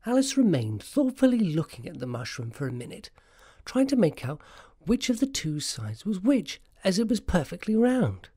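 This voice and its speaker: Lively, dry-sounding storybook narrator. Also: medium pitch, breathy edge, no room sound.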